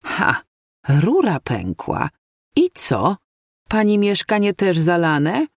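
Brief: prying, chattering old busybody, put on by the reader, high and lively. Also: slow, no room sound, clean studio sound, exaggerated voice. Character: nosy elderly woman, gossiping neighbour.

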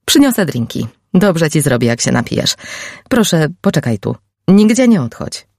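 A brisk female agent who fusses over her friend and chides her gently, as a woman reads her. Her voice sits a touch high and quick, reassuring yet bossy. The sound is close and dry. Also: big pitch swings, creaky, dry recording, heavily acted. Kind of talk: audiobook reading.

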